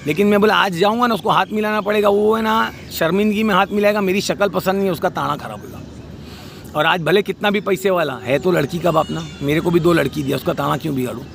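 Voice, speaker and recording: Man, angry scolding rant, raised gravelly voice, faint traffic noise. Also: high voice, quick pace. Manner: heated, scolding, insulting.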